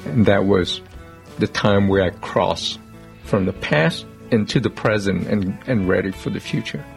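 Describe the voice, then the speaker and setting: A man's voice: on the low side, animated, measured pace, creaky, soft background music. A middle-aged man from Cambodia, a guest author, answering radio interview questions earnestly and repeating words for emphasis. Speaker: guest, author and genocide survivor.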